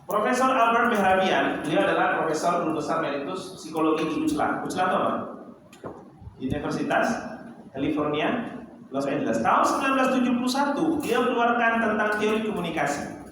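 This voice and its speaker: A man leading a lively training session for mentors, asking the audience questions and often laughing. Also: high voice, a little fast. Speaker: Islamic teacher training mentors. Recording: echoey hall, distant mic, noisy.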